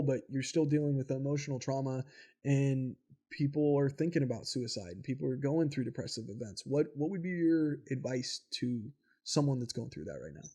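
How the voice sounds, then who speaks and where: A man's voice: mid-range voice, mellow. A man hosting a podcast interview, talking in an earnest, casual way and swearing freely. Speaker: podcast host.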